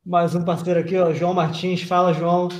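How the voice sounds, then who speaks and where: An upbeat Brazilian man hosts a casual live chat, greeting viewers and passing along their questions. His voice is pitched a little high for a man, and it rings in a roomy, echoey space. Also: little pitch movement, brisk. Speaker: interview host reading viewer questions. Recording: roomy echo.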